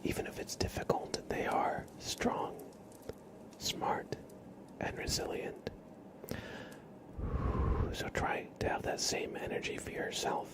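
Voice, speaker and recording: In halting phrases, a man whispers breathily, giving positive affirmations as an ASMR streamer in a gentle, reassuring way.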